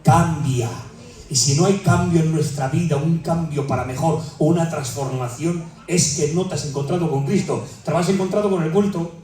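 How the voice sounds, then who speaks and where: High-voiced preacher in a booming echoey church. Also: male voice, normal speed, warm tone, far from the mic, soft background music. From Spain. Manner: impassioned, repetitive, rising to cries. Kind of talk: sermon. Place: large echoey church hall.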